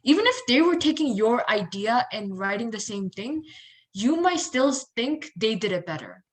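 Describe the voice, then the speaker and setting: Young woman, podcast guest, casual delivery, slightly high pitch, teasing sarcastic streak. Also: sing-song, normal speed, low-quality recording. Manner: playful, dry sarcastic humor.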